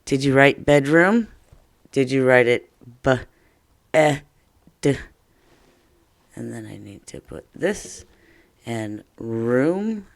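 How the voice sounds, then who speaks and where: A man teaching an online first grade phonics lesson, sounding out words slowly and cheering children on. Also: medium pitch, vocal fry, dry recording.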